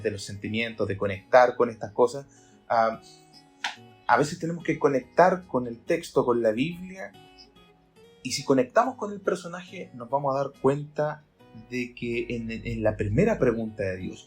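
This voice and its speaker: A man, a pastor, talking earnestly in a Bible study podcast and explaining by acting out readings. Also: medium pitch.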